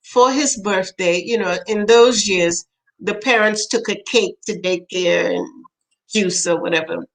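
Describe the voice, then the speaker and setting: An older woman from Trinidad, a poet being interviewed, telling family stories with lively quoted voices. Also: mid-range voice, unhurried, vocal fry, poor audio. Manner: animated storyteller, acts out quoted voices, laughs often. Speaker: poet and author, interview guest. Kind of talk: storytelling in conversation.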